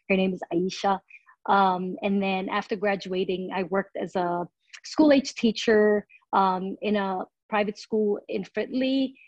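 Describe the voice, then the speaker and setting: A woman's voice: mid-range voice, darkish tone, no echo. Earnest woman with many "um" fillers, dull lo-fi sound. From Somalia. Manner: frequent "um" fillers and restarts, earnest. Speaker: city council candidate, interview guest. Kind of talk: casual interview answers. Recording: dull lo-fi audio.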